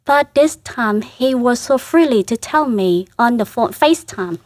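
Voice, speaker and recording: A Vietnamese woman speaking English with a Vietnamese accent, a religious sister reflecting in an interview. Her delivery is slow, gentle and earnest, and she often stops to restart a phrase. The sound is dry and close. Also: fairly high pitch, lively intonation, no echo. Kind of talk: emotional personal reflection.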